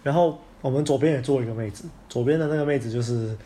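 A man with a Taiwanese Mandarin accent rattles through a story at a quick clip, casual and loose, dropping the odd swear word. His voice sits at an everyday pitch, with faint background noise underneath. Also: warm tone. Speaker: podcast co-host. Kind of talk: casual chat.

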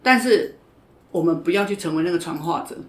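A woman's voice: lowish voice, animated, a little fast. A woman judo coach, talking frankly and emphatically in an interview, repeating her points. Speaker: judo coach and podcast guest. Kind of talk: casual interview chat. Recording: roomy echo.

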